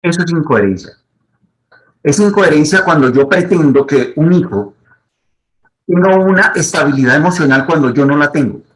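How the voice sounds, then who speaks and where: Didactic man, slightly high voice. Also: animated, normal speed, a bit bright, low-quality recording. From Colombia. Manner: didactic, repeats key points. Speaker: psychologist. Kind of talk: advice talk to camera.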